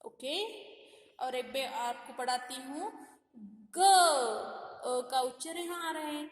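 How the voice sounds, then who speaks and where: A woman's voice: high-pitched, takes it slowly. A woman teacher leading young children through a syllable lesson, drawing out and repeating each sound and often calling to the children. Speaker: kindergarten teacher. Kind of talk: slow syllable-by-syllable Hindi alphabet lesson for small children. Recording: echoey room with long reverb.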